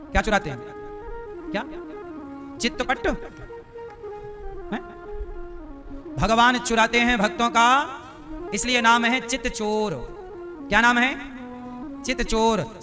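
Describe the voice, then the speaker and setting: Casting note: very high-voiced male preacher, playful quizzing of the crowd, music playing underneath. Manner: teasing, quizzing listeners directly. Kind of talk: devotional discourse with audience questions. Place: live religious gathering.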